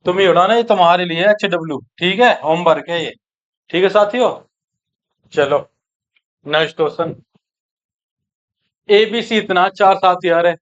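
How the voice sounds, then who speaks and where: A man teaching an exam-prep maths lesson, brisk and coaxing, who keeps checking that his students follow. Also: high-pitched, dull audio.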